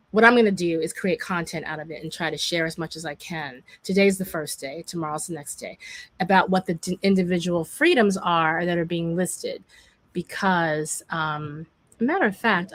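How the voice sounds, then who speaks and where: A woman hosting a casual livestream from her home, talking in a chatty, digressive way with emphatic asides. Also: fairly low pitch. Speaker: food historian hosting a livestream. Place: indoors at home by a window. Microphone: webcam or laptop mic on a livestream.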